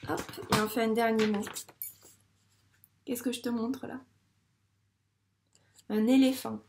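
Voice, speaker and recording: A woman's voice: a little high, level tone, slow pace, echoey room. A woman teacher giving a patient video lesson to a young child, stretching out words syllable by syllable. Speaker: primary school teacher.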